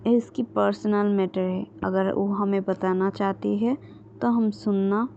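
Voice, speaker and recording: A woman's voice: mid-range voice, steady tone, unhurried, vocal fry, warm tone. A woman voicing a stern but caring female college principal who speaks firmly in a story retelling. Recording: dull lo-fi with faint ambient noise.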